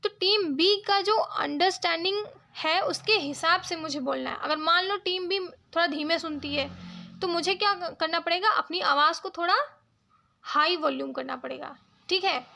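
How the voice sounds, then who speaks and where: High bright-voiced woman tutor. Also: normal speed, creaky. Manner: explains step by step, checks in with "ठीक है?". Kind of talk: Hindi-English exam lecture.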